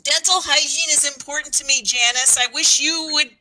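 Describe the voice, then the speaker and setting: A woman playing a fastidious, exasperated law-student roommate in an improv comedy scene, groaning and pleading. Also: high-pitched, steady tone, pushed and bright, poor audio. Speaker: improv performer. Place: stage before a live audience.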